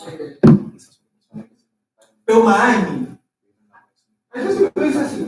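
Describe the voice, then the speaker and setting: Guy teaching a class, keeps checking the students follow, sounds far off w/ faint hiss. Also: high-pitched. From Chile. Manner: patient, checks understanding with frequent "¿cierto?". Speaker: language teacher. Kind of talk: online class explanation. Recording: echoey, distant from the mic, faint noise.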